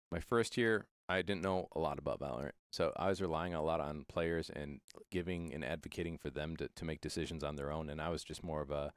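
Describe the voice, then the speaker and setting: Casting: man, esports coach, very low voice, smooth and clear, earnest and reflective. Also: no room sound, studio quality. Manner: earnest and reflective, many fillers and restarts. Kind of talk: casual interview.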